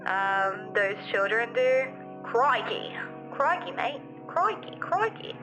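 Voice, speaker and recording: Over music, a young woman with a fairly high voice talks slowly but very animatedly, responding to comments from her livestream viewers. She rambles casually with lots of fillers and giggles, in a mild city Australian accent. The audio is poor.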